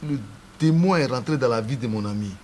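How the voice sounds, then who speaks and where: A man's voice: medium pitch, fast, a little mellow, a little hiss or hum, close to an everyday voice. An actor with an Ivorian French accent playing a blunt, scheming male friend. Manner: conspiratorial advising. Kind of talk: TV drama acting.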